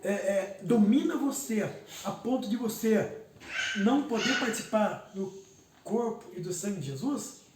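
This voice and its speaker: A man's voice: high voice, lively intonation, unhurried. A man, a pastor telling an emotional personal testimony in an emphatic way, repeating words for weight. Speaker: pastor giving his testimony. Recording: roomy echo, distant mic, faint background noise.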